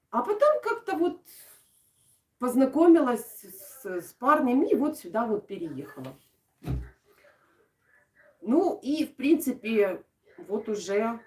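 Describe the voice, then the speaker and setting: A young adult woman with an Odesa accent chatting casually and affectionately to live-stream viewers, in a halting way with thoughts that trail off. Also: fairly high pitch. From Odesa region, Ukraine. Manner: affectionate, uses endearments and diminutive names. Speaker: craft video blogger and live streamer. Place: indoors at home. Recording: echoey room, distant microphone.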